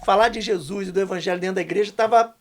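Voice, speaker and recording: An older man, a podcast guest telling a testimony story, emphatic and slangy, going hushed when quoting others. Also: sits high, rapid-fire. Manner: emphatic, slangy, dips to a hushed voice for quoted lines.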